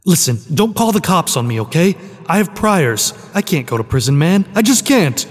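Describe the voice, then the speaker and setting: A man's voice: on the high side, sing-song, moderate pace. A man voicing a sly, exasperated disembodied ghost in a comedic fantasy audio drama, with a ghostly, grumbling delivery. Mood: grudging, bossy. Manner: ghostly echoing voice, grumbling con-man talk. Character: disembodied library ghost, scheming, sly, exasperated male spirit. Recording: echoing voice with long reverb.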